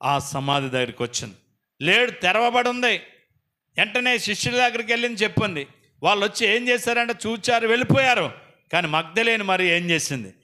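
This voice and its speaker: Male preacher, dramatic storyteller, very bright and high voice. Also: expressive, fairly quick. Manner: dramatic storytelling with repeated phrases. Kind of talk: sermon.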